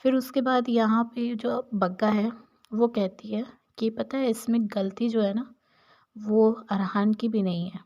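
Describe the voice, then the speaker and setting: Woman vlogger, casual show recap, chatty and opinionated, mellow tone, dull lo-fi audio. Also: a little high, steady tone, a little slow. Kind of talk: casual episode recap narration.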